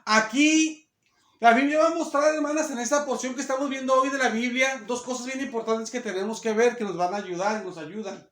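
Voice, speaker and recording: A man's voice: extremely high pitch, fairly bright tone. A man, walking his listeners patiently through the passage and circling back over his own words. His voice rings through an echoey church hall. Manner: earnest, explains slowly and repeats phrases. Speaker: preacher. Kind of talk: sermon. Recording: echoey room.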